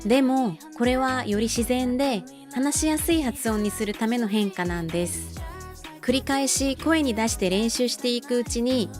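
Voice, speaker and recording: Slow, careful female language teacher. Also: on the high side. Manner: slow, careful model pronunciation with repetitions. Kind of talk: scripted language lesson.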